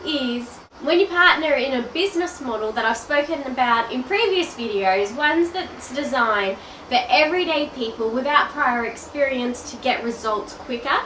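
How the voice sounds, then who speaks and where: An Australian online business coach in her thirties, with a stuffy nose from a cold, talks chattily and directly to the viewer in a direct-to-camera video message. Her voice sits high, bright and forceful, animated at a normal speed. The recording is roomy and a bit distant from the mic, with slight background noise.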